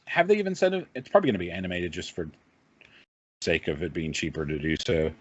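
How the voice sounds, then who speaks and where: A man co-hosting a gaming podcast, chatting casually with quick, offhand remarks. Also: low-pitched, huge pitch swings, no room sound. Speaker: podcast co-host. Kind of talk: casual chat. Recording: dull lo-fi podcast audio.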